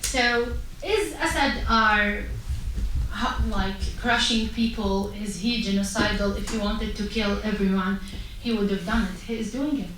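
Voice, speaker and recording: A woman's voice: mid-range voice, steady tone, measured pace, fairly bright tone. A woman from Syria, speaking passionately and emphatically at a panel, pressing rhetorical questions. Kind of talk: impassioned panel talk. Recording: echoey hall, distant mic, faint noise.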